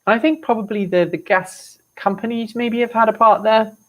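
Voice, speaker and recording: A woman's voice: on the high side, fairly even intonation, moderate pace, dull audio. A woman with an English accent, from England, hosting a casual live stream and answering viewer comments in a chatty, rambling way with wry, exasperated asides. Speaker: host of an electric vehicle show.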